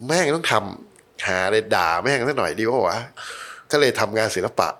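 A man's voice: lowish voice, lively intonation, moderate pace, fairly bright tone. A middle-aged man, a former advertising creative, telling stories as a podcast guest in a blunt, heated way full of swearing. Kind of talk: casual podcast conversation.

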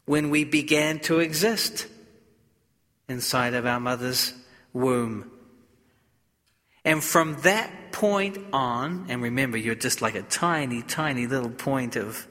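A man speaking as a priest at a funeral, solemn and measured, in short deliberate phrases, with the cathedral-like echo of a large church. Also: medium pitch, bright, forceful tone. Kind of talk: solemn gospel reading and funeral homily.

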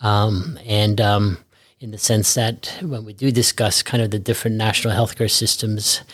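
A man in his fifties from Norway, a guest physician speaking reflectively with many pauses and fillers. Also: fairly low pitch, fairly even intonation, no room sound, studio quality. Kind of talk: podcast interview.

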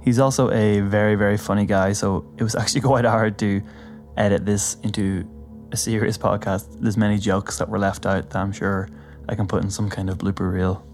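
A man with a fairly low voice introduces his podcast. He speaks as the host in a prepared opening, with spooky music playing underneath. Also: little pitch movement, moderate pace, a little mellow. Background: spooky background music.

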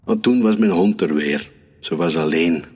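Man, storyteller, very low voice, husky, children's story reading. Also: moderate pace. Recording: reverberant room with soft music.

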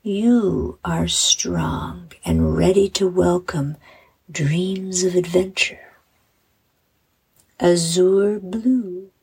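A woman narrates a bedtime meditation in the manner of a sleep story narrator. Her voice is very breathy and fairly low, with some creak at the edges. She is soothing and gentle, letting phrases trail softly. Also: animated, very slow. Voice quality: breathy, soft. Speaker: host and meditation guide.

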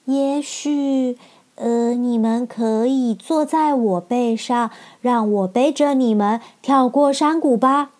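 A woman's voice: a little high, slow, darkish tone. A woman voicing a timid, cowardly male lion who stammers and whimpers with fright in a storybook reading. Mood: nervous.

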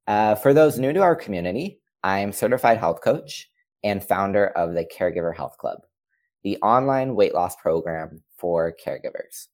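A man co-hosting a podcast, reading the welcome and a promo in a steady, read-aloud way. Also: on the low side, normal speed. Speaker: podcast co-host. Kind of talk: scripted podcast intro and promo.

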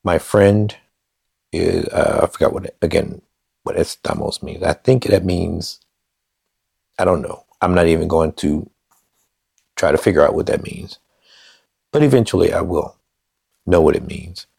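Deep gravelly man, slow and hesitant. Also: darkish tone, dry recording, studio quality. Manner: hesitant, self-correcting beginner reading phrases aloud. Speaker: language learner vlogger. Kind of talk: casual self-recorded practice. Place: at home on a couch.

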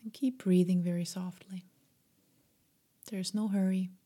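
A woman guiding a meditation in a soft, breathy, half-whispered voice, gentle, soothing and unhurried. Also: medium pitch, steady tone. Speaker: meditation guide. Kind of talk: slow guided meditation.

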